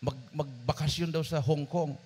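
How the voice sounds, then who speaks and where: Male preacher, animated sermon storyteller, mid-pitched, talks straight to the congregation. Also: unhurried. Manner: animated, swings between loud emphasis and soft asides; addresses the congregation directly. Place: church service.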